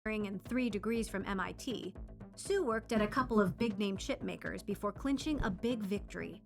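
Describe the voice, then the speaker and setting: A woman reporter giving scripted documentary narration with a crisp, punchy delivery. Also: mid-range voice, moderate pace, soft background music. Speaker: news reporter.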